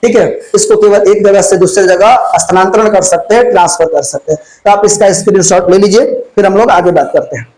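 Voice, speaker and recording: A man's voice: high-pitched, a little fast, few pauses, a little mellow, low-quality recording. A man teaches physics for board exams. He talks in a folksy, chatty way and throws questions at his students before answering them himself. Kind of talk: exam-prep lecture. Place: classroom with lights on, insects flying around.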